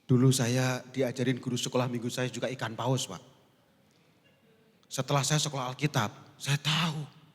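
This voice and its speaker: A man preaching as pastor, telling the story in a lively, joking way and acting out the voices in it. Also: mid-range voice, moderate pace, husky. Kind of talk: sermon. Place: large church hall. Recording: long church hall reverb.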